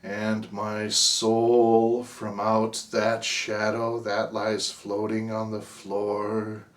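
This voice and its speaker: Slow, theatrical man reciting gothic poetry. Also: on the low side, monotone, reverberant, distant mic. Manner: intense, theatrical, swinging from hushed to anguished shrieks. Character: grief-stricken man tormented to madness, narrating.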